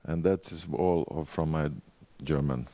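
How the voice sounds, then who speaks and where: Man, 40s, croatian accent, conference presentation, low pitch, dark mellow tone, asks the audience questions. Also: steady tone, no echo. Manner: engages the audience with quick questions. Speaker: conference speaker.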